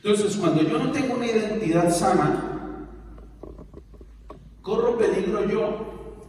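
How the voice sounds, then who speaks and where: A man preaching a lively sermon as pastor, mixing teaching with playful impressions. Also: high voice, slow pace, a little hiss or hum. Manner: emphatic preaching with playful impressions and stutter mimicry. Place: church hall. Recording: echoey hall, voice from far off.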